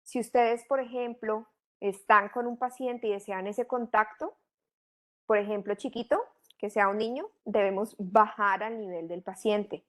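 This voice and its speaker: A woman's voice: medium pitch, steady tone, a little slow. A middle-aged woman, teaching a training course in a didactic way, asking many rhetorical questions. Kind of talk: online training lecture.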